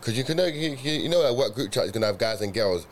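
A man's voice: medium pitch, animated, racing, a little hiss or hum. A young man, chatting casually, rambling and agreeing in slang. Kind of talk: casual podcast chat.

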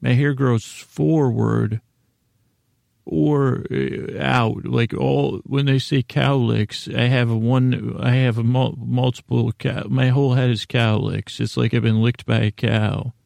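A man with a medium-pitched voice and vocal fry hosts a sleep podcast, recorded with no room sound. His bedtime monologue meanders and halts, full of self-interruptions and deadpan, gently silly tangents.

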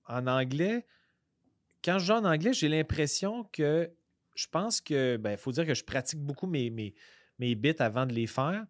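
Québécois comedian, dry close sound. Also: male voice, fairly high pitch, no echo. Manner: rambling, halting, with many restarts and fillers. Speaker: comedian guest. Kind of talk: casual podcast chat.

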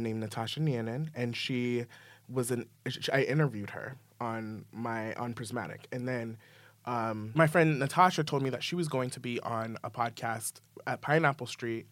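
A man telling stories in a casual podcast chat, animated and full of likes and ums. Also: mid-range voice, no echo. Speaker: podcast producer guest.

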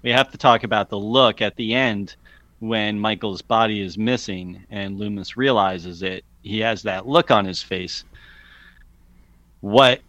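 A man co-hosting a podcast in casual chat, lively and often asking questions. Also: fairly low pitch, a little slow, no room sound, lo-fi sound. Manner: asks questions, animated. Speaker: podcast co-host.

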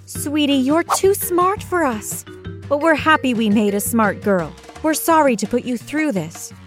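A woman's voice: sits high, expressive, a little slow. A woman voicing a devout, easily upset mother who scolds her daughter. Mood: fond. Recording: music playing behind.

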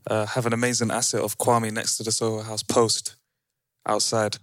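A man's voice: lowish voice, flat delivery, moderate pace, fairly bright tone, no room sound, clean studio sound. A man with a London roadman accent chatting casually in slang as a podcast co-host.

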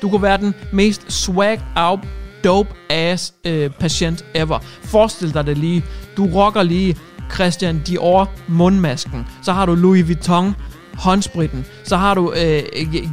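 Guy doing a jokey radio news bit, kinda high voice, cheeky, light music behind. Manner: cheeky, jokey, mixes English phrases. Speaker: radio show host. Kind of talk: comic news monologue.

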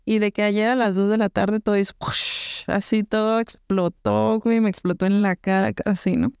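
Mexican woman with a gravelly, smooth voice. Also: mid-range voice, brisk, no echo, studio quality. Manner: animated, slangy, acts out voices in anecdotes. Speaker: podcast co-host. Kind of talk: casual storytelling chat.

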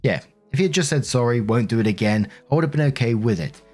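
Guy reading out reddit drama and giving his blunt take, soft music under it. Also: mid-range voice, expressive, fast talker. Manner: reads posts aloud, then reacts bluntly. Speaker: story narrator. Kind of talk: reading Reddit stories with commentary.

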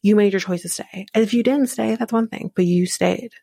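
A woman's voice: mid-range voice, brisk, creaky, dark tone, breathy edge, dry recording. A young woman hosting a podcast, recapping a reality show in a casual, opinionated, chatty way, full of "like" and "um" and laughing at her own asides. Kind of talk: casual chat.

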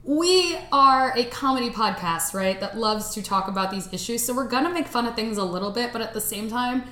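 A woman hosting a comedy podcast, telling a story in an animated, chatty way. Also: fairly high pitch, brisk. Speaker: podcast host. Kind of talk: casual comedic chat. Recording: echoey room, faint background noise.

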